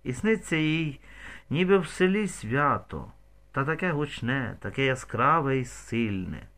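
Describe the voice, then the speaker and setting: A man's voice: medium pitch, expressive, unhurried, fairly bright tone. A man narrating a novel as an audiobook, telling the story expressively with vivid shifts in tone.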